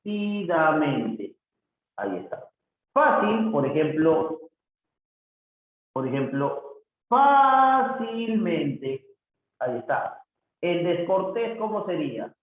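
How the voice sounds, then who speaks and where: A man teaching a grammar worksheet at an unhurried, drawn-out pace, his voice rising and falling widely, possibly. He mutters to himself as he works through each item. The sound is thin and phone-like, with heavy room echo and faint hiss. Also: on the high side, sing-song. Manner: drawn-out syllables, self-talk with many "ya está" and "ahí está". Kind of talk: worksheet walkthrough lesson.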